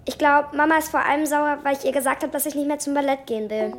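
Woman as a high-voiced, doubtful schoolgirl with dry retorts, kids' radio drama. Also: fairly even intonation, quick pace, soft background music, natural voice. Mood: grumpy. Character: sceptical schoolgirl Eileen, grumpy and quick-witted. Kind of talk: children's radio play.

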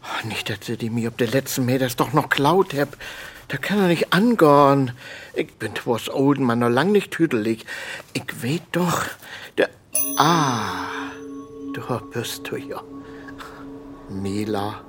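A rueful old Low German vagabond mutters his way through a radio play. His pitch sits in the middle and he speaks slowly and half to himself. Music plays clearly behind him. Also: animated, a bit bright. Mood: muttering. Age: older. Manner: muttering to himself, plain-spoken. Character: old male drifter, a self-described rascal, wistful.

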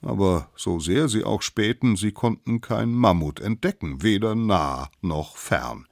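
A man reading a children's storybook aloud with playful, lively narration. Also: on the low side, unhurried, vocal fry, no room sound, clean studio sound.

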